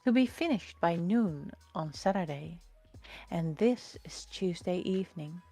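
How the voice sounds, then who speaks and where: A woman voicing a poor, anxious old male tailor in a storybook, lamenting in a hushed, half-whispered voice. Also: lowish voice, lively intonation, measured pace, no room sound, faint music behind.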